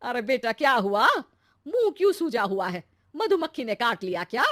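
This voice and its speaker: A woman voicing an older mother-in-law in a cartoon moral story, who speaks loudly in brisk questions. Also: on the high side, big pitch swings, pitched above the performer's own voice. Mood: curious. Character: older mother-in-law, sharp-eyed and blunt.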